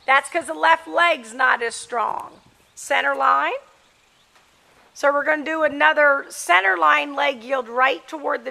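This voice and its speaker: A woman riding instructor with a high-pitched, creaky voice. She projects brisk commands in short, clipped phrases, yet her pace is unhurried as she coaches a rider through a lesson. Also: pushed and bright. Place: outdoors in a large open-sided covered riding arena.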